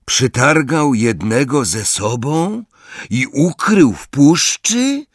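An excitable, boastful teenage boy from an audiobook, as a man reads him. His voice sits a little above the reader's low register and swings about eagerly. The recording is dry and close. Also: unhurried, dry recording. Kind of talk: audiobook character voice.

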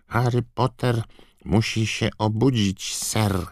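A man voicing an excitable male house-elf servant who squeaks and screeches and talks about himself in the third person. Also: slow, gravelly, dry recording, studio quality. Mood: eager, urgent.

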